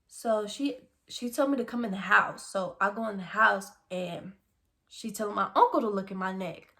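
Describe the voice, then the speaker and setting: A young woman vlogger telling a personal story in a casual monologue, swinging between loud outbursts and hushed, half-whispered asides. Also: mid-range voice, normal speed.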